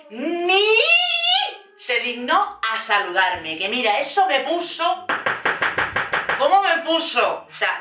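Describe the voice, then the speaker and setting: A young adult woman from Spain with a Spanish accent, telling a story in a vlog while doing her makeup, theatrical and animated, acting out her quotes. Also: high-pitched. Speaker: vlogger. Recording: roomy echo, mic at a distance, faint music.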